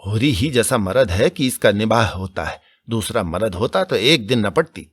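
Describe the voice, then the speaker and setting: A man's voice: fairly low pitch, expressive, moderate pace, slightly rough, no room sound. A man doing a snide, gossiping village woman.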